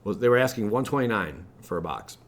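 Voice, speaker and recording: An American gaming channel host with a fairly low-pitched voice talks fast and with lively intonation, rambling casually on a livestream as he reacts to web pages he's reading. Now and then he drops mildly exasperated asides.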